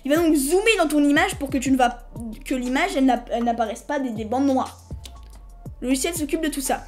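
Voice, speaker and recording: A woman hosting a casual screen-recorded software tutorial. She talks in a chatty, hesitant way, restarts her sentences and apologizes to viewers now and then. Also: high-pitched, a little fast, soft background music. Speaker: tutorial host.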